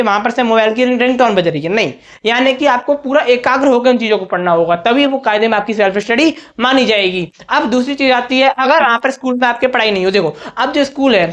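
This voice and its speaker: A man's voice: very high-pitched, a bit bright. A young man teaching students at a whiteboard, talking in a direct, coaching way and often checking in with "okay". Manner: direct, coaching tone, frequent "theek hai" check-ins. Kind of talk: whiteboard study-tips lesson.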